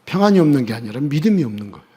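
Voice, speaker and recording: A man's voice: mid-range voice, sing-song, racing, breathy edge. Impassioned male pastor, echoing hall. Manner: swings from near-whispers to loud cries. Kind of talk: sermon. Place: church sanctuary. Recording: church hall reverb.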